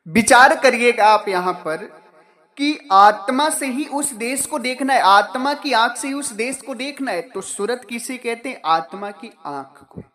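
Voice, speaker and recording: A man's voice: extremely high pitch, expressive, measured pace, pushed and bright. A man giving a devotional sermon as a spiritual teacher, repeating key phrases and asking questions that he answers himself.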